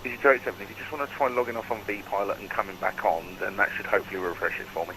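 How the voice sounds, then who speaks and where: A man's voice: on the low side, steady tone, rapid-fire, pushed and bright, rough recording. A man working as an air traffic controller, giving procedural instructions over the radio. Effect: radio transmission. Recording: radio transmission with faint noise.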